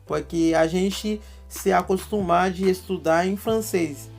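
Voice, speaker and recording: Slow-talking woman. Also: fairly low pitch, gravelly, a little mellow, soft background music. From Haiti. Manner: spells words letter by letter, checks in often with "ok?". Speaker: language teacher. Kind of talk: online language lesson.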